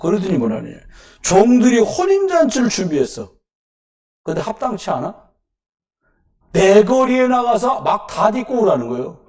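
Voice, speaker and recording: A man preaching a sermon at a Wednesday church service, firing off rhetorical questions and breaking into sudden loud emphasis. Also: sits high, wildly swooping pitch, normal speed, long pauses, recorded from a distance. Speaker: pastor. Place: church sanctuary.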